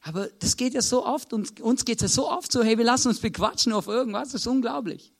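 A man's voice: very high-pitched, fast talker, gravelly. A man with an Austrian accent preaching a sermon in a conversational way, checking in with listeners after nearly every sentence. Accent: Austrian German.

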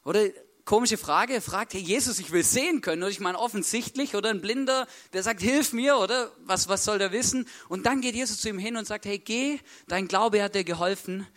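A man's voice: sits high, fairly quick, hardly any pauses, a bit bright. A male preacher retelling a story in a casual, colloquial way, constantly tagging sentences with a questioning "right?" and acting out the people's lines. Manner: acts out the voices of the story's people. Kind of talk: sermon with storytelling.

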